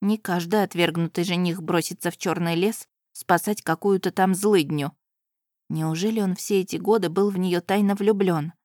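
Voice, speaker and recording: Female audiobook narrator, lowish voice, dry close mic, first-person storytelling. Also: fairly even intonation, normal speed, a little mellow, no echo.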